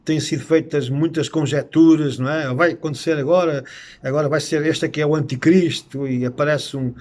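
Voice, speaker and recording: A middle-aged man with a European Portuguese accent gives an earnest, unscripted Bible lesson. His voice sits a little higher than most men's. He often stops on hesitant "eh" fillers as he builds his points. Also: steady tone, a little fast, darkish tone. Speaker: Bible teacher. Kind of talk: unscripted teaching talk on prophecy.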